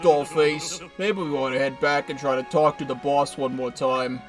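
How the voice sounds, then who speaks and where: Man doing a smitten young mobster, soft, coaxing, faint game music. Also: a little high, steady tone, normal speed, lightly acted. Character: smitten young male mob second-in-command.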